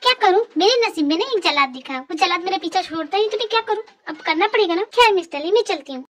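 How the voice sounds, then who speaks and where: A woman's voice: very high voice, animated, quick pace, a bit bright. A woman voicing a feisty, talkative young secretary in a fan dub drama, sassy and argumentative.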